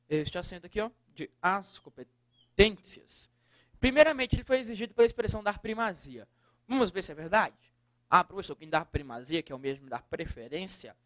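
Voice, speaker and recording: Man, high voice, grammar teacher, quizzes the class, dry close sound. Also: dry recording. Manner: lively, asks and answers his own questions; keeps addressing the viewer directly. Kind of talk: exam-prep grammar lesson.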